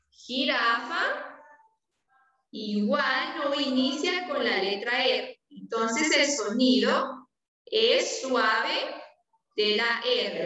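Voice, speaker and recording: A woman's voice: sits high, bright, forceful tone, distant mic. Patient female teacher in an echoey room. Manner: slow, patient, drawn-out teaching with many check-ins. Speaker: preschool teacher. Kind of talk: online class lesson.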